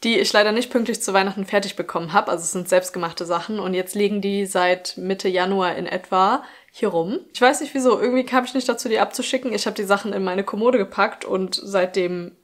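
In a lifestyle vlog, a young woman in her twenties chats to the camera, upbeat and casual, as she lists the chores in her small apartment. She's indoors in a small, bright room and speaks at a medium pitch and fairly quick pace.

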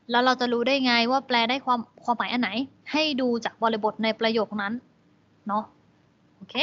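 A woman's voice: a little high, a bit bright. Patient woman teaching English vocabulary. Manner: explains English words, polite particles. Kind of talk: slow classroom explanation. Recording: dull lo-fi recording.

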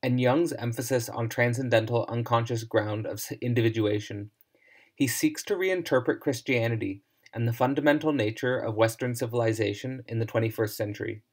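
A man narrating a scripted philosophy lecture in a measured, formal reading voice. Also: medium pitch.

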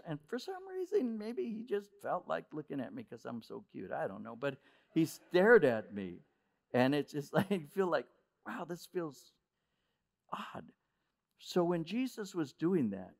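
A male pastor preaching a sermon in a conversational way, with restarts and slow stress on key words. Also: a little high, creaky, darkish tone.

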